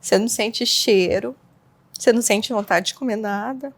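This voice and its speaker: A woman speaks as an interview guest, recounting her own experience in a halting conversational way. Her voice sits a little high and carries a noticeable gravelly fry. She often restarts her sentences and leans on small fillers. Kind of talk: personal testimony in conversation.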